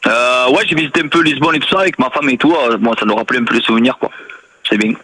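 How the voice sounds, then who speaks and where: Middle-aged guy with a southern french accent, husky and bright, rambles on easygoing in a radio chat. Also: mid-range voice, fast talker, poor audio. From south of France. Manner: rambling and good-natured, trails off often. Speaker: former footballer, radio guest. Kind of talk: casual radio interview.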